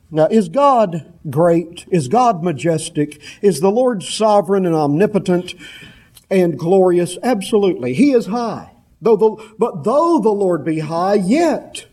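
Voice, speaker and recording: High-voiced, mellow-toned male preacher. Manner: emphatic, repetitive cadence, slows for scripture quotes. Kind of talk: sermon.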